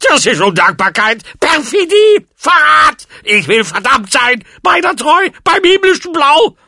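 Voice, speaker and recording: A man voicing an excitable old knight-tutor who shouts in shrill, indignant outbursts. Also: unhurried, no room sound, clean studio sound, full character voice. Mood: ranting. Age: older.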